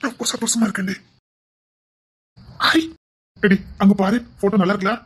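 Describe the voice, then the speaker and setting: A woman's voice: mid-range voice, fairly even intonation, moderate pace, breathy edge, natural voice. A woman voicing a doting young husband, tender and teasing, with a Tirunelveli Tamil accent.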